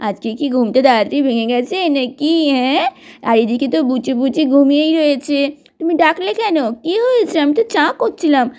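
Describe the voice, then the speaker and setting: A woman's voice: high-pitched, brisk, darkish tone. A woman voicing a chatty young sister-in-law in a doll-play story, asking questions.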